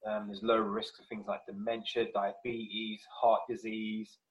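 A man's voice: fairly low pitch, monotone, unhurried, dull audio. A man talking casually as a fitness podcast guest, explaining things in a chatty, informal way. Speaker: podcast guest, personal trainer. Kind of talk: casual chat.

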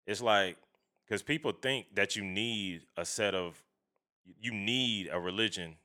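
Deep, bright-voiced man talking bluntly. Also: unhurried. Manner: emphatic, slangy, profane, often seeking agreement. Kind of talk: casual opinionated chat.

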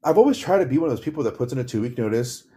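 A man telling work stories in casual chat, high and chatty, acting out the people he quotes. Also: animated, racing, dark tone.

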